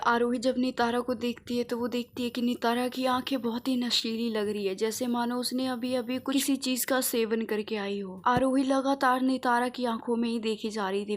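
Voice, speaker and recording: A woman with a fairly high voice reads out a romance story. Her delivery is steady and even. She keeps a smooth storyteller's pace throughout. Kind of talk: scripted narration of a romance story.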